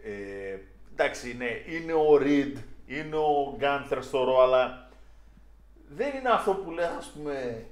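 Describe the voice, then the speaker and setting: A man of middling pitch co-hosts a casual chat, opinionated and teasing, and he often cuts in. His voice carries a noticeable room echo. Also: expressive. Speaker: co-host.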